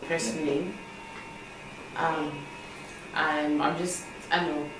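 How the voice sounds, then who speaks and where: Deep-voiced young woman. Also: level tone, slow pace, background noise. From Papua New Guinea. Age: young adult. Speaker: engineering student. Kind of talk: casual interview answers. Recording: echoey, distant mic, music behind.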